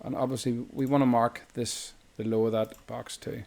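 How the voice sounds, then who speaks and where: A man's voice: medium pitch, level tone, normal speed, gravelly, darkish tone. A man with an Irish accent, walking through a chart tutorial as a trading instructor in a loose, explanatory way, often correcting himself mid-sentence. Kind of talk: screen-recorded chart tutorial.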